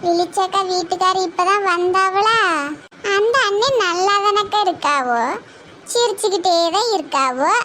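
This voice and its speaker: A woman's voice: very high voice, heavy background noise. A woman voicing a cheeky, chatty young village woman with a southern Tamil accent who teases as she talks. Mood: teasing. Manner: teasing, rapid banter.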